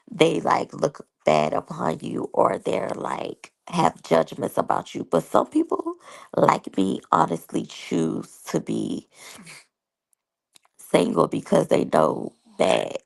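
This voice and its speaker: Speaking directly to her audience, a thirtysomething woman gives a casual review of a reality show mixed with personal anecdotes. Her voice is low and creaky with a breathy edge, captured in a rough recording.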